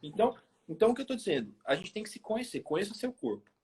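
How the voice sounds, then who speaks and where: A forty-year-old man from a small town in Minas Gerais, Brazil, speaks with a rural accent in a high-sitting, husky voice with a darkish tone. He's very animated and very fast. As a health expert guest on a remote social media live video call, he chats casually and colloquially about his own life, sharing personal stories and repeating phrases for emphasis.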